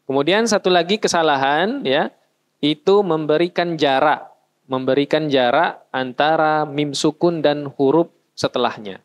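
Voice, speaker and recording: In a mosque, a man with a voice on the high side gives a recitation lesson, unhurried and patient as he explains. He chants short verses as examples for the class.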